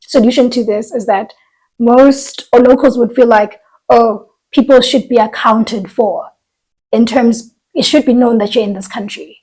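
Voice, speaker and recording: Husky woman chatting. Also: fairly high pitch, steady tone, unhurried, dark tone, rough recording. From southern Africa, living in South Africa. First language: a southern African language. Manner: thoughtful, trails off and restarts mid-thought. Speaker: podcast co-host. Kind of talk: casual chat.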